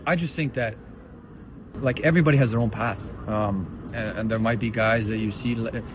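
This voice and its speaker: A man's voice: fairly low pitch, normal speed. A young man from Belgium, a professional footballer, answering post-match interview questions thoughtfully with many restarts. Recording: noisy outdoor stadium interview.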